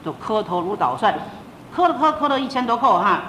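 A woman's voice: very animated, brisk, a bit bright. An older woman, a senior religious teacher, giving a sermon as a personal testimony, telling her story with emotion and acting out the dialogue. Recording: roomy old tape with faint rumble.

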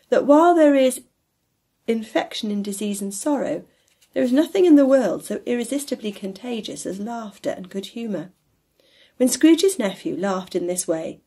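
A woman with a husky voice narrating a classic novel aloud in an expressive, measured storytelling manner. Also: mid-range voice.

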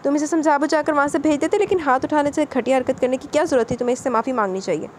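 A woman's voice: high-pitched, racing, a little mellow, slight background noise, pitched above the performer's own voice, natural voice. A woman voicing a young man who bluntly scolds his friend and lectures him to apologize. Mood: reproachful. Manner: reproachful, lecturing.

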